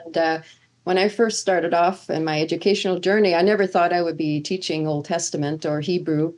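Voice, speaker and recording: Speaking a little fast, this seminary professor of Old Testament, a middle-aged woman originally from Sweden, has a fairly low, darkish voice with fairly even intonation. She responds to an interviewer earnestly, often restarting and using fillers.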